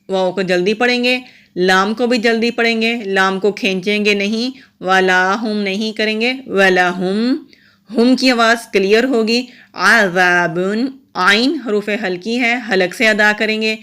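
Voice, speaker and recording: A woman's voice: mid-range voice, fairly even intonation, fairly bright tone, clear, resonant tone. Patient woman teaching recitation rules. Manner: patient, explains each letter and rule methodically. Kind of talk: step-by-step tajweed lesson.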